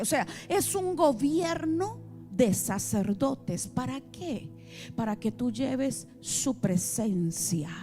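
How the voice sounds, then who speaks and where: A woman prophet delivers a sermon in church in a high voice, drawing her words out slowly. Her preaching is emphatic and declamatory, and faint music plays behind her. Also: darkish tone.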